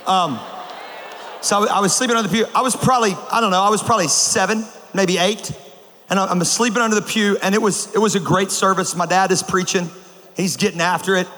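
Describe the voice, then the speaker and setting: A high-pitched male preacher delivers a comedic sermon in a large auditorium, telling stories with animated energy and sudden shouts. His voice rings out with a long hall echo over a faint hum of ambience. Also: a little fast. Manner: animated storytelling with bursts of shouting. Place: large auditorium with a live audience.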